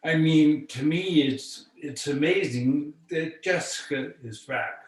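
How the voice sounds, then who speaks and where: A man talks as a spiritual teacher on a group video call. He speaks very slowly and deliberately. He sounds set back from the mic, in an echoey room. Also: a little high, recorded from a distance. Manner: slow and deliberate.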